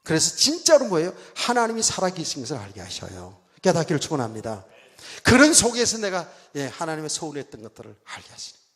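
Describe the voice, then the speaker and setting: Animated middle-aged Korean pastor preaching. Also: male voice, a little high, fast. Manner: animated storytelling, swings from loud exclamations to quiet asides; keeps asking the congregation for agreement. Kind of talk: sermon. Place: church sanctuary. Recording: church hall reverb.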